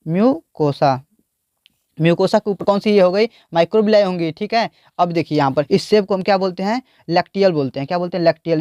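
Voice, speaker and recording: High-voiced, crisp male biology teacher. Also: darkish tone, dry recording. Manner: repeats questions to the class. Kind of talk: explaining a diagram.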